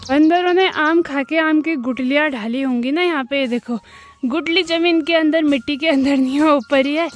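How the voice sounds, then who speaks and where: High-voiced woman chatting to viewers. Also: moderate pace, soft background music. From Uttarakhand hills, India. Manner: chatty, addresses viewers as friends and brother. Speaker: village lifestyle vlogger. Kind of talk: casual explanatory vlog chat. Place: outdoors in a hillside farm field.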